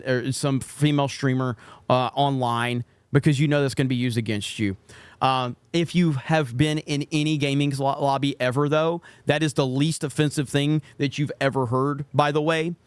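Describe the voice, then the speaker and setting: A man's voice: mid-range voice, steady tone, normal speed, clean tone, no echo. A man giving casual, opinionated commentary on gaming clips in a blunt, sarcastic, sweary manner.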